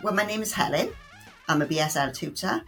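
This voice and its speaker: Soft background music plays as a middle-aged woman with a South Welsh accent, from South Wales, answers interview questions. A sign language tutor, she talks in a low voice at a fairly quick pace, chatty and full of restarts and playful asides.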